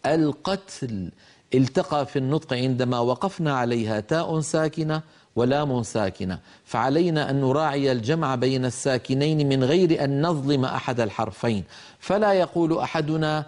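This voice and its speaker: An older man teaching Quran recitation, explaining pronunciation rules in a measured manner and demonstrating each word. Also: medium pitch, darkish tone. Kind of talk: slow melodic Quran recitation and tajweed instruction.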